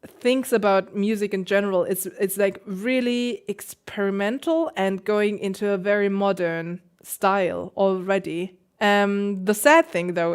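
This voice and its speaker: A woman's voice: medium pitch, clean tone. Woman, pianist and livestream host; chatty, laughs easily, casual. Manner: chatty, laughs often, answers chat questions.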